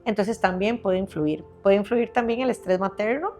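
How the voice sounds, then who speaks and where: A woman's voice: mid-range voice, moderate pace, darkish tone. A woman specialist patiently explaining baby health on a podcast, step by step, often checking in with her listener.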